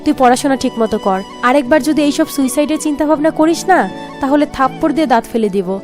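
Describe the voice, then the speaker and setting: An earnest young village man, as a woman narrator puts him on, scolding a friend out of care. High voice with faint music underneath. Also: fast, close to an everyday voice. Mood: caring.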